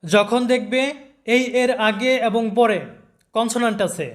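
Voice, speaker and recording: High-voiced man teaching pronunciation. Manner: slow, repeats example words and spells them out letter by letter. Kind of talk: step-by-step spoken lesson.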